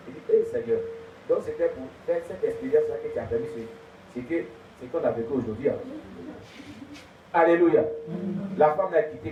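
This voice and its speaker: A man preaching a sermon, telling a story in an animated way and swinging between loud and hushed. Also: mid-range voice. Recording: tinny, echoey, distant, faint noise.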